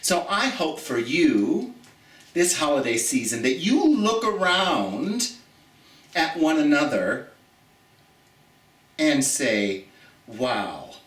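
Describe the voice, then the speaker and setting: An American man hosts a children's storytime, reading and chatting to viewers theatrically and stretching out key words for emphasis. His voice is a little high and fairly bright, very animated but slow with frequent pauses, recorded in a roomy, echoey space far from the mic.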